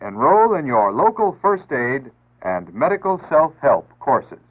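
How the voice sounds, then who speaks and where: An American man reads a 1960s civil defense PSA from a script at a measured pace, his medium-pitched voice making big pitch swings. He sounds formal, earnest and instructive throughout. The clip has the tinny, band-limited sound of a 1960s radio archive.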